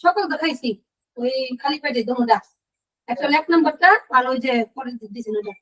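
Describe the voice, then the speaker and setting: High-voiced woman asking about medicine. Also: lively intonation, rough recording. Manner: colloquial regional Bengali, hurried questions. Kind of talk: casual question.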